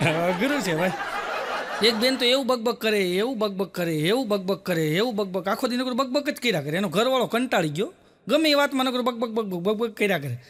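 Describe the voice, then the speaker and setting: A young man tells stand-up jokes in a very high, ringing voice. He tells his stories in a lively way and acts out the people in them. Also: a little fast, some chatter behind. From Gujarat, India. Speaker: stand-up comedian. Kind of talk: stand-up joke telling.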